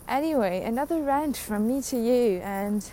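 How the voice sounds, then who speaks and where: Young woman, podcast host, self-mocking rambling rant; mellow, slightly high voice. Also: lively intonation, unhurried, slight background noise. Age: young adult. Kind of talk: casual solo rant.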